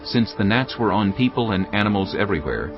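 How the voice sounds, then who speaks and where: Scripture is narrated fairly quickly by a man with a deep, solemn voice and expressive shifts in intonation. The sound is somewhat muffled, with steady music running underneath.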